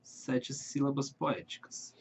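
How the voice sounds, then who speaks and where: A man with a Brazilian accent teaching literature in an online video lesson, speaking straight to his viewers and slowing down to read verses aloud. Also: medium pitch, little pitch movement, gravelly, slight background noise. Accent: Brazilian Portuguese. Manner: friendly, addresses viewers directly, slows to read verses.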